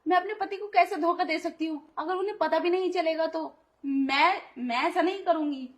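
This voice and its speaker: An indignant young wife in a Hindi audio drama, played by a woman, scolding her brother-in-law with sharp protests. Her voice sits very high. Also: moderate pace. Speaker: voice actor.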